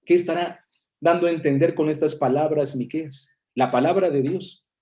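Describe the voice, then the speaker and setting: A man with a Mexican Spanish accent preaches from the Bible, working through the verses aloud and explaining them one by one. His voice sits fairly high but sounds warm and mellow. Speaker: minister. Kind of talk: sermon.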